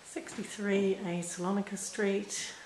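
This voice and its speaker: A woman's voice: mid-range voice, flat delivery, a little slow, darkish tone, slight background noise, poor audio. A woman with a New Zealand accent walks through an empty rental house on camera, listing its features one by one in a plain, unscripted way. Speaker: rental property agent. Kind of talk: unscripted property walkthrough narration. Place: inside and around a small empty house.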